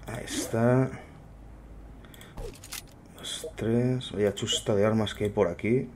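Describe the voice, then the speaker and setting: Guy grumbling thru his game, kinda low voice, soft hiss behind. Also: steady tone, slow pace. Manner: muttering to himself, wry complaints. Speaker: gameplay streamer. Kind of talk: casual gameplay commentary.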